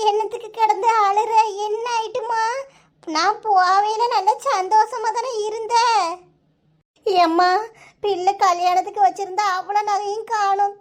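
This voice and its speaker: A woman voicing emotional village women in a cartoon, speaking with a Kanyakumari Tamil accent. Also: very high-pitched. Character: high-voiced village women, grandmother and mother.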